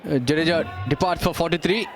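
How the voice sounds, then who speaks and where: A man's voice: fairly high pitch, fairly even intonation, takes it slowly. A man with an Indian accent, a co-commentator giving Telugu cricket analysis mixed with English. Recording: live broadcast with clear stadium noise.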